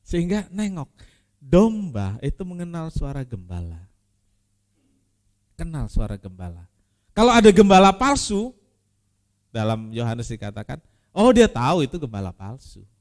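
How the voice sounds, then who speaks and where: A man preaching a sermon as pastor, repeating key phrases and swinging from loud emphasis to quiet, intimate asides. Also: fairly high pitch, big pitch swings, moderate pace, pauses often.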